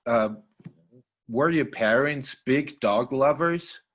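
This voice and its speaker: A man's voice: mid-range voice, slow, a bit bright. A man interviewing a guest, asking questions in an easygoing way and laughing along. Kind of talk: casual interview.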